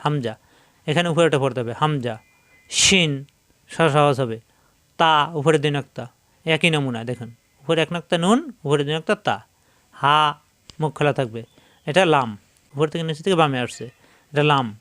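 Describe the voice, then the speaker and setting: A man teaching how to read Arabic letters, patiently explaining and reciting them in quick drills. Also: a little high, a bit bright, no echo. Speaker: Quran reading teacher. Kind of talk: Arabic letter reading lesson.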